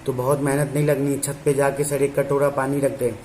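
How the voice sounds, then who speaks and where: A man's voice: mid-range voice, flat delivery, brisk, darkish tone, a little hiss or hum, rough recording. A male teacher chatting with his students in an online class, talking casually and teasing them fondly.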